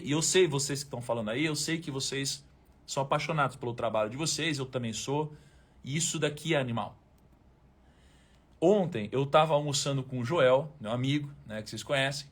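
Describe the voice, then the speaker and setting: A man with a Brazilian Portuguese accent hosting a motivational live stream, talking informally and emphatically, with slang and the odd swear word aimed straight at his viewers. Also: mid-range voice.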